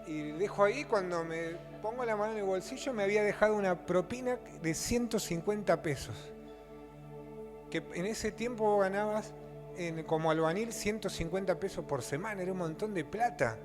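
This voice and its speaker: A man's voice: high voice, moderate pace, in a large hall, music in the background. A man preaching a sermon, telling stories and building up to emphatic points. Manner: animated storytelling, rising to emphatic preaching.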